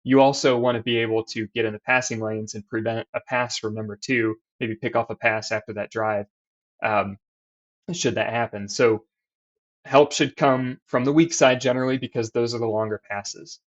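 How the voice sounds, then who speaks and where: A man's voice: mid-range voice, fairly even intonation, moderate pace. A man, a basketball coach, explaining defense in a voice-over over diagrams and game clips, with restarts as he points things out. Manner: explanatory, restarts and fillers while drawing on screen. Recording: slightly dull lo-fi sound.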